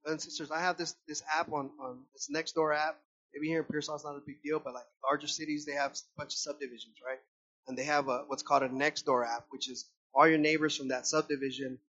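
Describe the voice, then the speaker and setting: A man's voice: a little high, fast, lo-fi sound. A man preaching a sermon to his congregation, addressing them as brothers and sisters and acting out voices as he speaks. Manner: animated, acts out voices of people and animals. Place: church service.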